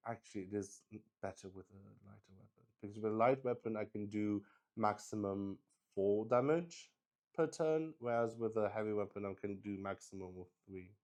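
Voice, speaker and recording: A man running a solo tabletop roleplaying game as both player and game master narrates casually, thinking aloud, poking fun at himself and swearing freely. His voice is fairly low and somewhat mellow.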